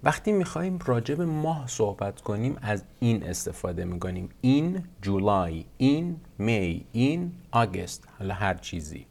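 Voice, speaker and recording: Gravelly-voiced man teaching English. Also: on the low side, sing-song, a little mellow. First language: Persian. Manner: reads English example sentences slowly and carefully, then explains quickly. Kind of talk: casual spoken English lesson, explaining in Persian with slow English examples.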